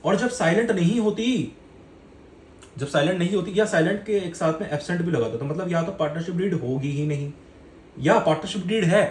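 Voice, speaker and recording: A male teacher giving a lecture in a relaxed, playful, colloquial manner, with a fairly high voice. The recording sounds roomy and echoey, with a faint background hiss. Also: fairly quick. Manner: playful, colloquial, calls students "beta". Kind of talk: classroom lecture. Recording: echoey room with faint noise.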